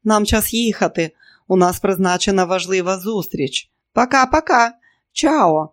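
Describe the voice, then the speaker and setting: Man doing a showy, excitable young woman. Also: measured pace, no echo, studio quality. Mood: breezy. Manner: high excited bursts, exclamations.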